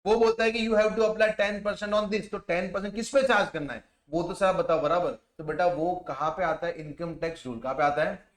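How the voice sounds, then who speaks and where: A man, teaching a tax class and quizzing students with repeated questions, sometimes dropping to a soft, low voice for asides. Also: a little fast. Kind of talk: classroom lecture. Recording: echoey room.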